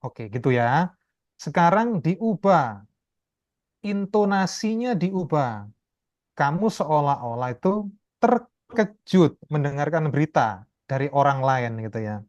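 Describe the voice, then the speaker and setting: A man lecturing a class over a video call, explaining step by step in a chatty way and often tagging his sentences with quick checks. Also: a little high, sing-song, darkish tone, no room sound, lo-fi sound. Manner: chatty, explanatory, keeps adding tag questions. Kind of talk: online class talk.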